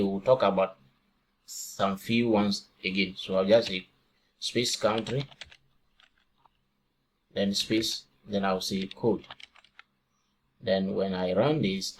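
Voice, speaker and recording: Low-voiced man explaining code step by step. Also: steady tone, measured pace, pauses often, slightly rough. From Ghana. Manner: talks step by step, asks and answers own questions. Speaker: programming tutor. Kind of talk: screen-recorded coding tutorial.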